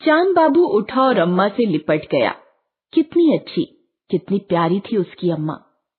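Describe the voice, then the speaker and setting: Woman, storybook narration, slow, husky, tinny phone-like sound. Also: mid-range voice, very animated. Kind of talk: storybook reading for children.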